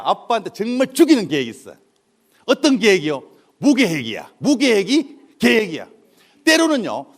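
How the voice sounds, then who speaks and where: A man giving a humorous motivational lecture to an audience, telling stories and acting out dialogue in different voices. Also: high-pitched. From South Korea. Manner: animated storytelling, acting out dialogue in dialect and character voices. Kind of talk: comic lecture to a live audience.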